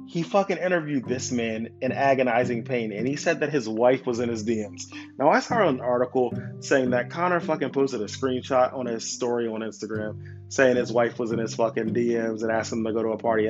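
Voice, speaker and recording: A man's voice: mid-range voice, a little fast. A man giving a casual, profane rant about a fight, swearing constantly and firing questions at his viewers. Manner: swears constantly, animated, asks the audience questions. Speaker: commentator on fights. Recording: dull lo-fi sound with loud guitar music.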